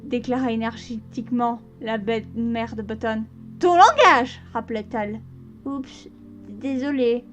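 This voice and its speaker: A woman's voice: fairly high pitch, level tone, unhurried, darkish tone, highs cut off, faint music behind. A woman casually reading a fanfiction aloud, stumbling over words now and then and breaking off for joking asides. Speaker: fanfiction reader.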